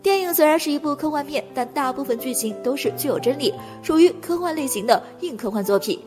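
A woman reading a scripted movie recap as narrator, talking fast in a continuous delivery. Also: high-pitched, animated, over music.

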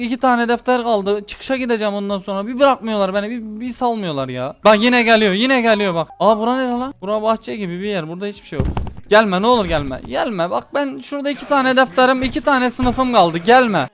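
A man's voice: extremely high pitch, a little hiss or hum. A man giving gameplay commentary to his viewers, frustrated, talking to himself and swearing often as he plays. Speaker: mobile game YouTuber.

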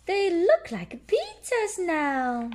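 A woman voicing an excited little girl pig from a storybook, with gleeful, drawn-out lines. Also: very high-pitched, voice pushed up, exaggerated voice. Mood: delighted.

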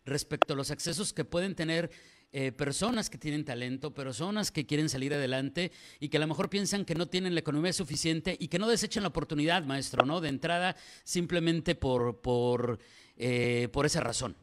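A man's voice: on the high side, brisk. A Mexican man in his forties hosting a morning radio interview from a small studio, asking long, winding questions. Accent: Mexican Spanish. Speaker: radio news host. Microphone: studio mic on stand.

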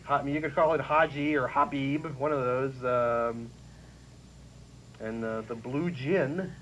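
A man's voice: medium pitch, flat delivery, fairly bright tone. Rambling man on lo-fi cable tape. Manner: rambling, halting with fillers and restarts. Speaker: co-host. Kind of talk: casual chat. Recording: dull lo-fi 1990s cable recording with faint hiss.

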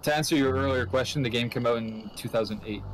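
A man chatting casually while gaming, making dry, wry quips with halting restarts. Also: mid-range voice, rough recording. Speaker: guest co-player. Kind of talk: casual gameplay banter. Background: game music.

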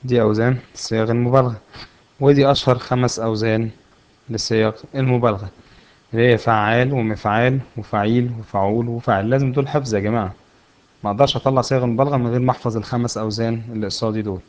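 A man's voice: medium pitch, fairly even intonation, rapid-fire, darkish tone. A man with an Egyptian Arabic accent teaching a grammar lesson, explaining step by step and answering his own questions. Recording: dull lo-fi recording.

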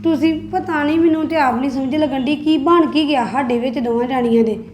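A woman's voice: high voice, fairly quick, a little mellow, slight background noise, natural voice. A woman playing a worried young married woman in a family drama, talking earnestly and confidingly. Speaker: sister-in-law Preeti. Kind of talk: Punjabi family drama acting.

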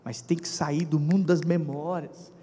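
A man with a Brazilian accent preaching a lively sermon, speaking to his congregation and acting out voices. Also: a little high, unhurried. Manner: animated, talks to congregation, acts out dialogue. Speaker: pastor. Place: church hall. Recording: long church reverb.

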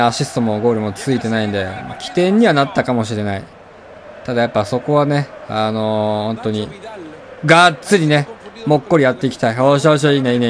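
A young man giving casual, chatty commentary while playing a soccer video game, with sudden excited outbursts. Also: medium pitch. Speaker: gaming commentator. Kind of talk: casual let's-play commentary.

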